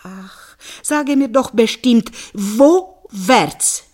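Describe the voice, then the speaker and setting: Woman reading as an exasperated farm husband, loud, frantic, voice flying high. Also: animated, extremely slow, heavily acted. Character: exasperated desperate peasant husband.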